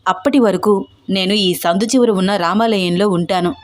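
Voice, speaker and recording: A woman voicing a furious, strict middle-aged mother who scolds in shrill outbursts. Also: fairly even intonation, moderate pace, close to an everyday voice. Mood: angry scolding.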